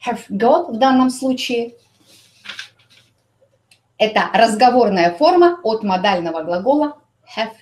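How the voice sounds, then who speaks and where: A woman teaching an English grammar lesson, explaining slowly and repeating English example sentences. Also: a little high, animated, darkish tone, slight background noise.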